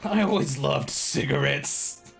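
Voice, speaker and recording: Man doing a croaky old chain-smoking lady. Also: fairly high pitch, wildly swooping pitch, slow, fairly bright tone, faint music behind, heavily acted. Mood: cryptic. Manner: cryptic, gossipy. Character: raspy old chain-smoking town eccentric woman.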